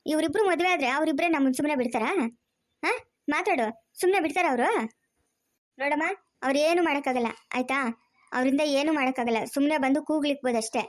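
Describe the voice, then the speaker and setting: A woman with a high, natural voice plays an argumentative grown daughter in a cartoon family drama. She talks fast, pleading and insistent.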